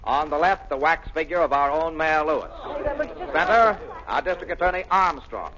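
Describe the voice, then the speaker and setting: Guy doing a loud waxworks barker from an old radio play, highish voice, crowd chatter behind, muffled. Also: expressive, moderate pace, natural voice. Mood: lecturing. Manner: loud showman patter. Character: brash male carnival barker at a waxworks.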